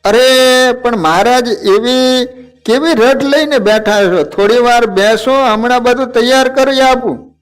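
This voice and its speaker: A man's voice: animated, a little slow. A man voicing an old village woman who scolds affectionately, in a raised voice. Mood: scolding. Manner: raised pitch, scolding and pleading.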